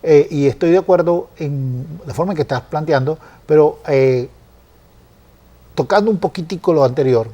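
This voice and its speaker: Mellow-voiced man teaching scripture. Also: a little high, normal speed, dull audio. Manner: earnest, explanatory, with frequent fillers and restarts. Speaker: Bible teacher. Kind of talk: conversational Bible study.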